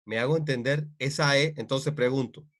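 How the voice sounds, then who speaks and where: A man teaching an online grammar class, speaking in a halting way with many fillers and repeated checks for understanding. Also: mid-range voice.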